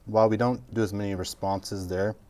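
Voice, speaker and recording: A man's voice: on the low side, fairly even intonation, fairly quick, background noise. A middle-aged man, a fire captain joking through a casual interview. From Texas Panhandle. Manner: joking, self-deprecating, talks while chewing.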